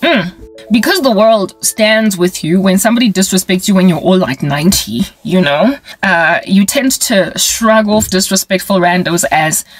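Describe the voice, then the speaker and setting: Animated and wry, a South African woman in her forties, a vlogger and ministry creator, speaks casually to camera using sound effects and bits of local languages. Her medium-pitched voice moves at normal speed, with no room sound and faint music behind.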